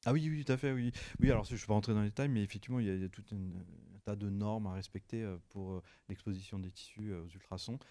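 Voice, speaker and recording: A man's voice: fairly low pitch, quick pace, gravelly, hardly any pauses, dark tone. A man answering audience questions at a conference, technical and hesitant with repeats.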